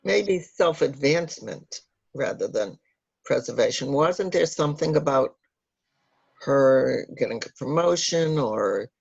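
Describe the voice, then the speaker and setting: Man, book club member, gravelly, husky, tentative questions, dull lo-fi sound. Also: mid-range voice, dry recording. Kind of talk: casual book club discussion. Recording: dull, dry lo-fi audio.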